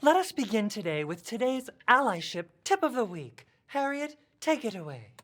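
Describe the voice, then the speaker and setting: A woman's voice: a little high, sing-song, moderate pace. A woman playing a vain young podcaster who gushes and fills her talk with "like". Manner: gushing, airy, valley-girl filler "like". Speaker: podcast co-host. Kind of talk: comedy sketch.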